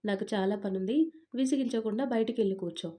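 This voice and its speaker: A woman's voice: mid-range voice, fast talker, mellow, natural voice. A woman doing a curt irritable husband. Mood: irritated. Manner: curt, scolding. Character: gruff young husband, irritable boss.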